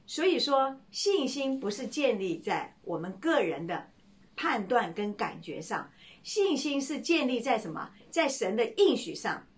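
A woman preacher giving a sermon, telling a story and repeating key lines slowly for emphasis. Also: on the high side.

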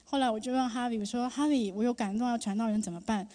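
A woman in her thirties giving a personal testimony to a church congregation, speaking earnestly with emotion and halting often with fillers. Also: a little high, warm tone. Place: church sanctuary. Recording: long reverb of a large hall.

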